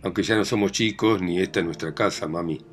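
Man voicing a rebellious adult daughter, sarcastic, Rioplatense accent, deep voice. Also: fast talker, natural voice. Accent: Rioplatense Spanish.

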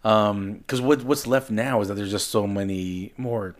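A man's voice: lowish voice, measured pace. A man co-hosting a podcast in casual chat, talking animatedly and often repeating words as he restarts. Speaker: podcast co-host.

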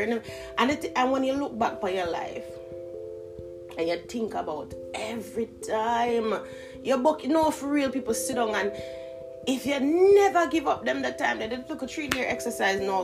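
This high-pitched woman, a vlogger in her thirties, speaks straight to camera in a relaxed motivational monologue. Her Toronto accent is shaded by Jamaican Patois, and she laughs frequently while switching between slang and standard English.

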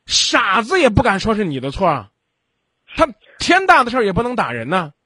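A man hosting a late-night radio advice show, his voice a little husky and on the high side for a man. He lectures his callers bluntly, swinging widely in pitch as he scolds. The studio sound is close and dry. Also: wildly swooping pitch, a little fast, sharp tone, dry recording. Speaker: radio call-in advice host. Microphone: studio microphone.

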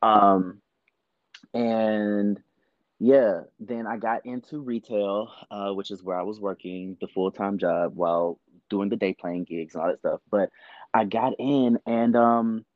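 A man's voice: lowish voice, fairly even intonation, slow, no echo, narrow, tinny audio. A man from the US South, a podcast guest talking candidly in a chatty, filler-heavy way. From Georgia, US South. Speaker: podcast guest, actor and producer. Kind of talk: casual interview talk.

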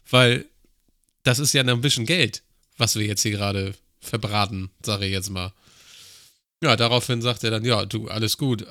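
Bright-voiced man telling stories. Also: medium pitch, no room sound, studio quality. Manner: storytelling, crude slang, acts out dialogue. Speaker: podcast co-host. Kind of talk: casual chat.

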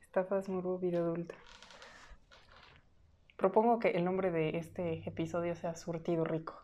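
A woman's voice: on the low side, little pitch movement, normal speed, dark tone. A young woman with a Mexican accent, co-hosting a podcast in casual, unscripted chat full of informal slang. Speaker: podcast co-host.

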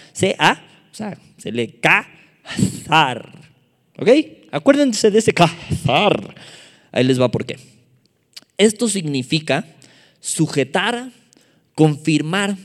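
A man leading a Bible study sermon as a youth preacher, talking conversationally with joking asides to the audience. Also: a little high. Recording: echoey hall reverb.

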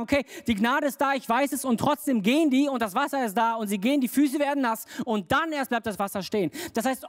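A preacher giving a casual sermon, talking straight to the listeners in loose everyday speech and coming back to key phrases for emphasis. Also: mid-range voice. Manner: colloquial, direct address to listeners.

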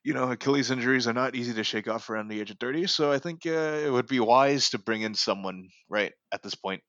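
This sports podcast co-host speaks quickly in a medium-pitched, slightly bright voice, rambling casually with lots of fillers and restarts. His home podcast microphone gives a dry, dull sound.

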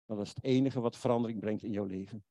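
A man preaching a sermon, earnest and pleading, slowing and softening his voice for the quoted words of God. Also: on the low side, steady tone, no echo, muffled recording.

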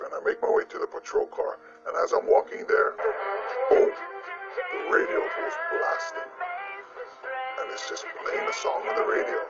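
A man's voice: extremely high pitch, gravelly. A police officer with an electronically disguised voice, telling a ghost story from his patrol in a plain, matter-of-fact way. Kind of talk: recounting a personal ghost story in an interview. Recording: muffled lo-fi audio, distant mic, loud music bed.

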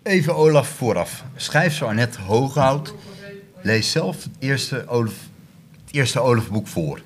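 A male radio presenter announcing the next items in a calm manner. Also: medium pitch, measured pace.

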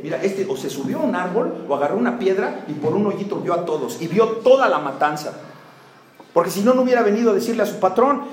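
A man's voice: sits high, darkish tone. A man with a Mexican accent preaching a sermon, firing rhetorical questions and jokes at the congregation. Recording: roomy hall with faint background noise.

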